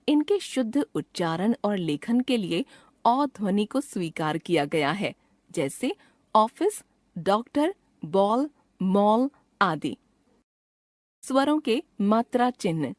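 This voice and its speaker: A woman reading a scripted grammar lesson, saying each letter and example word slowly and carefully. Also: a little high, darkish tone, dry recording. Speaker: teacher.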